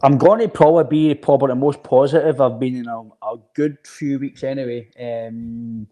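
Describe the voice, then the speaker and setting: A man's voice: medium pitch, steady tone, normal speed, dark tone. A man co-hosting a football podcast, casually talking through his predictions with frequent restarts. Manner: hesitant restarts, confident predictions. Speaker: podcast co-host.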